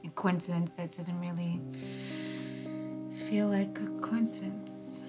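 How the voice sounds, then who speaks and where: A gentle woman in a TV soap drama, reluctant to say goodbye. Her voice is on the low side, and she hesitates and lets phrases trail away, with music underneath. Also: steady tone, slow. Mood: reluctant, wistful. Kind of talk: naturalistic TV soap drama acting.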